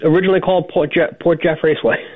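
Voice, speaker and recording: A man's voice: a little high, fairly even intonation, very fast, slightly rough. A man calling in to a radio show, chatting about his hobby like someone who knows it well. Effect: phone line. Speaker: caller. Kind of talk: casual call-in chat. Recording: tinny phone line.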